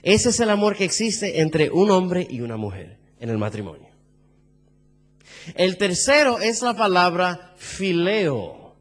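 A man's voice: on the high side, big-room sound. A man with a Caribbean Spanish accent preaching a sermon, quizzing the congregation with questions as he goes.

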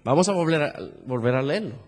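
A man's voice: on the high side, expressive, quick pace, a little mellow, in a large hall. A man with a Caribbean Spanish accent preaching a sermon, quizzing the congregation with questions as he goes.

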